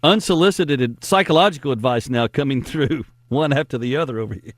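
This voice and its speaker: A man's voice: medium pitch, fairly quick, dry recording, clean studio sound. A man in his forties hosting sports talk, rambling nostalgically and laughing at himself. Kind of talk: casual sports talk monologue.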